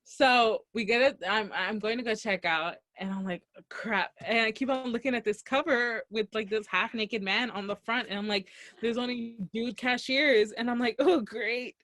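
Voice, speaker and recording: A woman's voice: fairly high pitch, normal speed, dry recording. Chatty young woman telling a story. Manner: animated, acts out quoted dialogue. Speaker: podcast co-host. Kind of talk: casual storytelling chat. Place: Los Angeles area.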